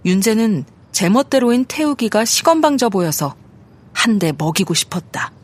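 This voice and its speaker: A woman narrates an audiobook story with steady, measured storytelling. Her voice sits at a mid pitch for a woman. She reads the scripted narration evenly.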